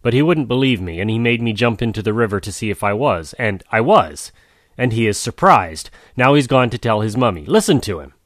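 A man's voice: mid-range voice, animated, brisk, a bit bright, dry recording, clean studio sound, close to an everyday voice. A man voicing a clever male tortoise who talks in coaxing, tongue-twisting circles. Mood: sly. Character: sly, wordy male tortoise, calm and clever.

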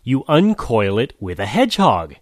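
A man's voice: mid-range voice, huge pitch swings, moderate pace, no room sound, clean studio sound. A man voicing a cautious male hedgehog who gives advice in an earnest tone. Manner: instructive, earnest.

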